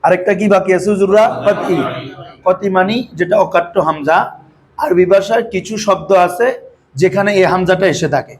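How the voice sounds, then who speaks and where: In a classroom with students seated in front, a man teaches Arabic grammar, patiently explaining in colloquial speech and quizzing them with constant questions in a call-and-response lecture. His voice is high-pitched and moderately paced, with slight background noise.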